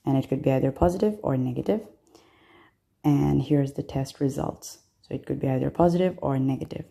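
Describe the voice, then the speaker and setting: A woman's voice: rumbling low, fairly quick, vocal fry, warm tone. A woman from Bangladesh, a medical student walking through exam concepts step by step, patient, with frequent fillers.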